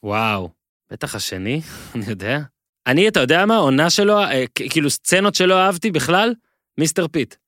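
A man co-hosting a podcast, talking in a rambling, excitable way and gushing with repeats. His voice sits a little high, and the sound is close and dry, with no room echo. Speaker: podcast co-host. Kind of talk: casual chat.

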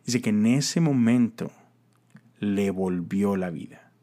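A man's voice: on the low side, lively intonation, slow pace, dark tone. A man giving a casual, conversational sermon, full of fillers and emphatic exclamations. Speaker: preacher.

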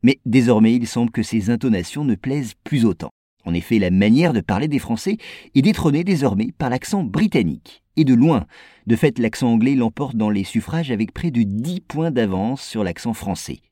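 Lively French man presenting news. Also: medium pitch, normal speed, no echo, clean studio sound. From France. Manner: clear explanatory delivery addressing viewers. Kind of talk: scripted news narration.

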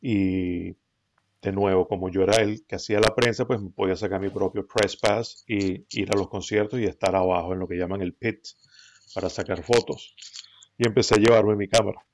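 A middle-aged man with a Venezuelan accent, telling his story as a podcast guest in a relaxed, rambling way with many fillers and restarts. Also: lowish voice, moderate pace, slight background noise. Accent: Venezuelan Spanish. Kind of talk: casual conversational storytelling. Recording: dull lo-fi recording.

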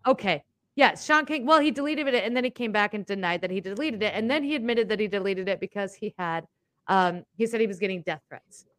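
A woman co-hosting a casual political chat, sarcastic and animated, swearing freely. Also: mid-range voice, fairly quick, no room sound, studio quality. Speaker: podcast co-host.

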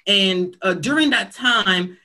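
In a conversational interview, a Cameroonian woman in her thirties, a nurse practitioner, answers earnestly and reflectively, like she's telling a story. Her mid-range voice is expressive and bright, with a forceful tone, and she speaks at a slow pace.

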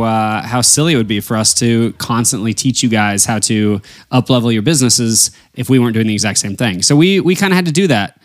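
A man hosting a casual podcast in a folksy way, often pausing to think aloud as he talks to listeners. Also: medium pitch, dry recording. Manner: folksy, addresses listeners as y'all. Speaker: podcast host; wedding and portrait photographer.

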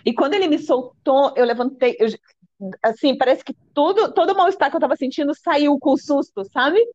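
A Brazilian woman with a high, brisk, slightly mellow voice and a Brazilian Portuguese accent tells a personal story as an interview guest. She sounds breathless, keeps restarting her sentences, and acts out the dialogue she quotes. The recording is dull and lo-fi, with no echo.

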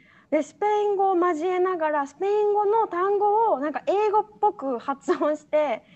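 Young woman, high voice, casual podcast chat, laughs often, lo-fi dull recording. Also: normal speed. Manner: laughs often, animated storytelling. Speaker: podcast co-host. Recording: dull lo-fi sound.

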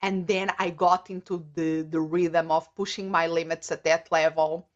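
Middle-aged Portuguese-accented woman, a native Portuguese speaker, as an interview guest; thoughtful, a bit low in pitch, dull lo-fi recording. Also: little pitch movement. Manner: thoughtful, measured, searching for words. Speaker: guest, coach. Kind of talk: casual interview.

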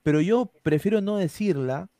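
A man's voice: sits high, lively intonation, moderate pace, warm tone, no room sound. Rambling Peruvian man hosting a podcast. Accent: Peruvian Spanish. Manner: rambling, with many restarts and "o sea" fillers. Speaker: podcast host reading viewer comments. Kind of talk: casual chat.

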